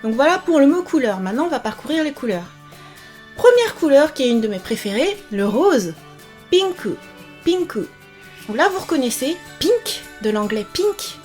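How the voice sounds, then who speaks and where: A woman's voice: high-pitched, big pitch swings, darkish tone, soft background music. Cheerful young woman teaching vocabulary. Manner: cheerful, repeats words slowly and clearly. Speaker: Japanese language teacher. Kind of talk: upbeat video lesson.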